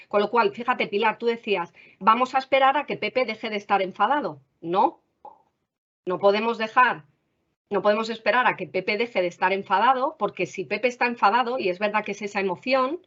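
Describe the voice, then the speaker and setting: A woman with a Spain Spanish accent, a school counselor giving parents practical advice in a webinar, often checking in with the audience. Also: mid-range voice. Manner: warm advisory tone, frequent "vale?" checks. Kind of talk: explanatory talk to parents. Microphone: video call. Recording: dull video-call audio.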